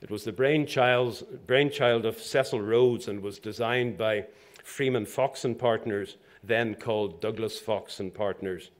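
In a fairly low-pitched voice, an older man from Zambia reads his formal inaugural address as president of a professional institution. He stands at a lectern in a lecture hall, speaking in a measured way with dry asides.

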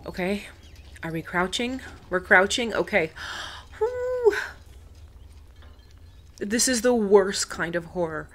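A woman giving let's-play commentary, excitable, exclaiming and talking to the game as she plays. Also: medium pitch, normal speed. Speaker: gaming video creator.

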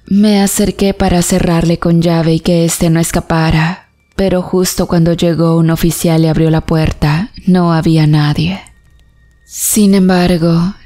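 A woman narrating a first-person horror story in a slow, even, somber way. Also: lowish voice. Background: faint background music.

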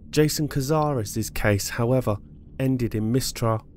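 Slow, measured male true-crime narrator. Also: medium pitch, a little hiss or hum. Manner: measured, steady reading of court testimony. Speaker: podcast host.

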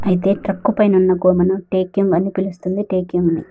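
A woman tells a drama's story in her own plain voice, voicing the characters' lines without changing her tone. Her pitch barely moves. The recording sounds thin and phone-like. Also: completely flat delivery, fast, breathy edge. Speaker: narrator retelling a drama. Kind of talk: storytelling recap with quoted dialogue.

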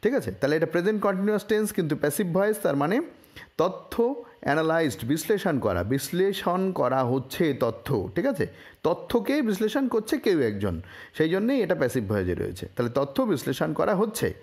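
Lively-voiced man teaching newspaper English. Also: a little high. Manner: slow, careful reading of English phrases, then explaining them; frequent fillers and self-corrections. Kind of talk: explaining a newspaper report line by line.

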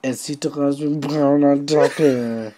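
A man reading a story aloud with deadpan, mocking asides. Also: on the high side, measured pace. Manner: deadpan, mocking, comments on his own reading. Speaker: podcast host reading his story aloud.

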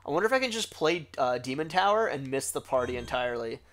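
A man's voice: mid-range voice, big pitch swings, fast talker, fairly bright tone. A man streaming a video game, chatting casually with joking, rambling asides and plenty of swearing. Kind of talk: casual gaming stream chat.

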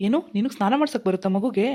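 A woman's voice: mid-range voice, very fast, mellow, lightly acted. Woman voicing an easygoing cartoon husband. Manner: easygoing, reassuring. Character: young adult husband, calm and agreeable. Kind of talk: animated cartoon voice acting.

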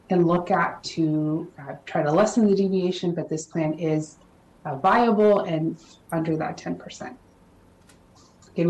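A woman consultant giving a formal presentation to a city council, explaining plans in a measured way with frequent ums and uhs. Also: lowish voice, a little mellow. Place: council chamber. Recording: echoey chamber audio.

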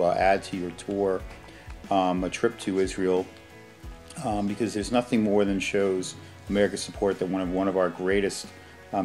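A man's voice: deep voice, darkish tone. A man from Rhode Island making a hesitant, filler-heavy webcam appeal as a fan. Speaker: fan sending a video message. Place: room indoors.

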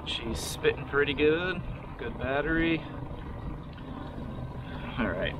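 Man in his thirties, easygoing self-talk, lively rising and falling pitch, on-board action camera, loud boat engine and water noise. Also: takes it slowly. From Michigan, US. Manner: relaxed, talks to himself while boating and fishing. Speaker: fishing vlogger. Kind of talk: casual running commentary. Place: small fishing boat on a lake outdoors.

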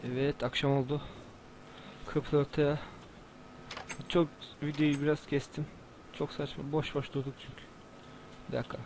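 A man giving casual, excitable commentary while playing a video game, swearing and shouting at enemies. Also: fairly high pitch, moderate pace, pauses often. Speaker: gamer. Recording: noisy home recording.

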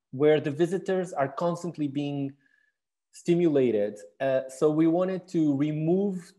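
This man's voice is fairly high yet dark in tone. A Portuguese architect and exhibition designer in his thirties, he answers questions in a recorded talk in accented English, thoughtfully explaining his designs with many fillers and restarts.

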